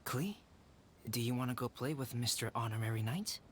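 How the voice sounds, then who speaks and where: A man plays a composed young alchemist from a video game, gentle and measured in every word. His voice sits in an ordinary middle range, with a faint hiss underneath. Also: medium pitch, lightly acted. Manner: soft-spoken, measured and polite.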